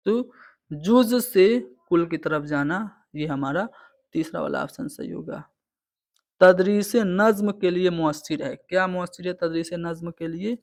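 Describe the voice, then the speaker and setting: Male tutor, higher voice, patient step-by-step explaining, online exam-prep lecture. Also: measured pace, gravelly. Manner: explains answers step by step, repeating "theek hai".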